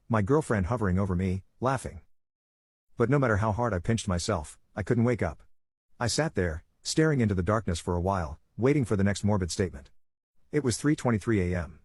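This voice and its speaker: Husky low-voiced man narrating a story. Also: a little mellow, no echo, studio quality. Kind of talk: scripted first-person story narration.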